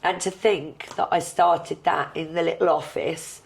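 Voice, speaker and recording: A woman hosting a podcast in casual chat, her voice husky and croaky from flu, self-mocking and quick to laugh. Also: sits low, steady tone. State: hoarse from flu. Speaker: podcast host.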